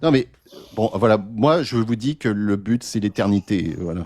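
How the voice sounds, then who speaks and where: Low-voiced man, halting and formal. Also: lively intonation, darkish tone, no room sound. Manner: hesitant, many restarts, formal phrasing. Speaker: debate guest. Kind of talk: live debate.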